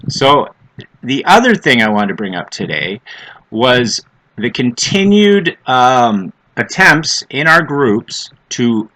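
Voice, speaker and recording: Middle aged guy, smokers rasp, sharp forceful voice, opinionated vlog rant, repeats himself for emphasis. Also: medium pitch, sing-song, takes it slowly, rough recording. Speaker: vlogger on adoptee issues. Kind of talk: opinionated off-the-cuff monologue.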